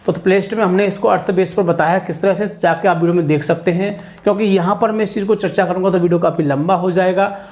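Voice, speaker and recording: A man from India with a notably high speaking voice runs an exam-prep lesson. He reads English answer lines out slowly, word by word, then talks through them in Hindi, repeating key points so students remember. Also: fairly even intonation, a little mellow. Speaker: teacher.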